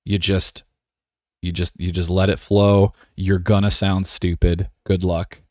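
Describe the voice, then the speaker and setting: A man's voice: deep voice, little pitch movement, unhurried, darkish tone, no echo, clean studio sound. A man streaming a game live, talking casually with a joking, self-assured, rambling manner.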